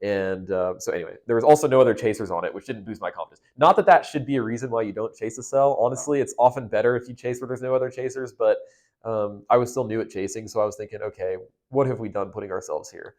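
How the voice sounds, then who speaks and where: A man's voice: mid-range voice, quick pace, darkish tone. A young man, a storm chaser, casually recounting a past experience step by step in a conversational, detailed way.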